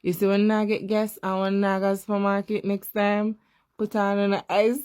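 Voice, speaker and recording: A woman's voice: medium pitch, monotone, normal speed, a little mellow, a little hiss or hum. A woman chatting casually in an amused, teasing way as she reacts to a video. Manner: amused, teasing, laughs often. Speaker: reaction commentator.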